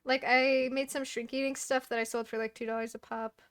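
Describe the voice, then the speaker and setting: A woman who makes and sells handmade plushies, talking in a relaxed, rambling way in a casual chat with friends. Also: high voice, brisk. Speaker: crafter selling handmade plushies.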